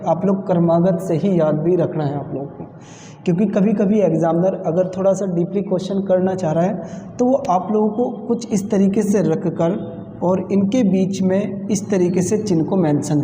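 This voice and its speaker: A man teaching an exam-prep grammar lesson, explaining slowly and repeating key points with pauses. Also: high-pitched, mellow, slight background noise. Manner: slow, repetitive explaining with pauses. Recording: echoey room with long reverb.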